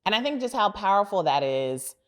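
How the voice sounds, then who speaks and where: A woman's voice: mid-range voice, very animated, a little fast, a bit bright. A woman hosting a podcast interview, asking open questions and affirming her guest. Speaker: podcast host.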